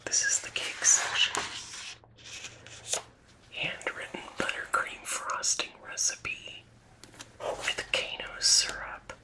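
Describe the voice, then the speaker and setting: A woman doing an ASMR whispered role-play as a librarian, in a breathy, unvoiced library whisper, pausing between short phrases. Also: rough recording. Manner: slow, unhurried, with gaps between short phrases. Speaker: ASMR host playing a librarian at a book fair.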